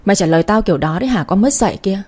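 A woman's voice: medium pitch, lively intonation, rapid-fire, darkish tone, slightly rough. Woman doing a slurring drunk bully brother. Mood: drunken bullying. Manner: slurred, belligerent.

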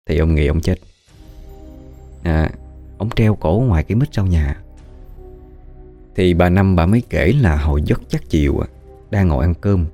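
A man's voice: deep voice, warm tone. A man with a Southern Vietnamese accent telling a ghost story in a chatty, gossipy way.

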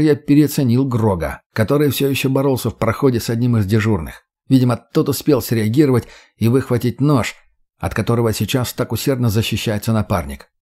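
A man reading first-person action fiction in a steady, matter-of-fact way. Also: medium pitch. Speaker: audiobook narrator.

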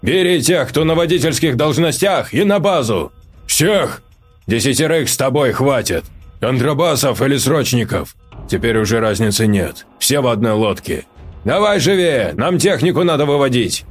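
A man's voice: medium pitch, animated, moderate pace, breathy edge, faint music behind, pitched above the performer's own voice. Man playing a hard, barking army captain. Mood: barking orders. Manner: barking terse orders.

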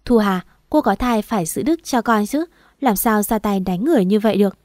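A motherly older matron who scolds gently and comforts, as a woman puts her on. The voice is warm and mellow, and the sound is dry and close. She is part of a storybook reading. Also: medium pitch, animated, fairly quick, dry recording, close to an everyday voice. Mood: reproachful. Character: kind-hearted older third wife of the house.

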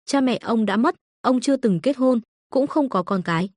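A woman voicing a calm, aloof young female master of the occult who speaks curtly. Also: fairly high pitch, no echo, clean studio sound. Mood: cool. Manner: cool, curt, unhurried.

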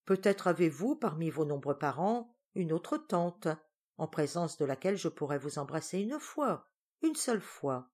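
A woman reading aloud voices a gallant young man in love, earnest and flattering. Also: low voice, normal speed. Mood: ardent. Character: ardent young male painter, gallant.

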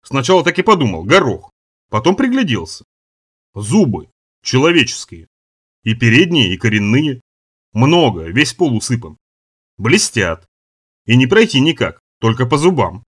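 A man reading a dark adventure audiobook in the first person, telling it dramatically. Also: mid-range voice, sing-song, normal speed, pauses often, breathy edge. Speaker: narrator. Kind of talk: audiobook narration.

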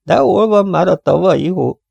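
A man voicing a whiny, tearful male gangster in a storybook reading, with a high, whimpering voice. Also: gravelly, a little mellow, husky, no echo, muffled recording, exaggerated voice. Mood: whining, indignant.

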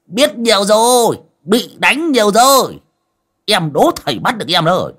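A man's voice: high voice, very animated, moderate pace, a bit bright, pitched above the performer's own voice, full character voice. A man doing a wheedling old comic medium. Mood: teasing. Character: mocking old male medium, comic and cowardly.

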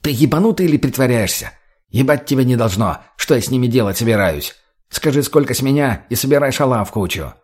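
A man's voice: medium pitch, lively intonation, quick pace, a little mellow, slightly rough. A man voicing a crude, short-tempered drug addict thug who barks profanity bluntly. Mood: aggressive.

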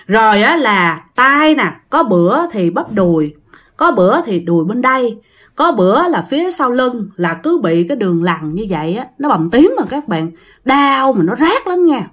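A woman with a Southern Vietnamese accent narrates a ghost story casually and chattily, speaking directly to her listeners. Her voice is a little high and fairly bright, very animated, at a moderate pace.

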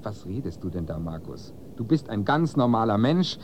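A man's voice: lowish voice, big pitch swings, normal speed, darkish tone, a little hiss or hum. An actor playing a tired, stern middle-aged father and doctor in a radio play, firm and sarcastic.

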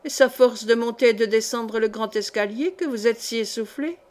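A woman's voice: on the high side, normal speed, darkish tone, lightly acted. A woman voicing a haughty, disdainful young lady who speaks severely and mockingly.

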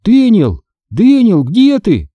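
A lively young girl, bossy toward her brother and bursting with exclamations, as a man puts her on. The voice sits high and leaps all over the place, with a husky grain. Storybook telling in a dry, close sound. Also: normal speed, no room sound, lo-fi sound. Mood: alarmed. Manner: eager, exclamatory. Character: excited young girl, bossy older sister.

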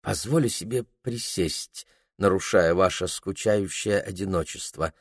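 A man's voice: low voice, a little slow, slightly rough, no room sound, clean studio sound, full character voice. A man reading aloud, voicing a lovesick young shop clerk who pleads in flowery words and breaks into shrieks. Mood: fawning.

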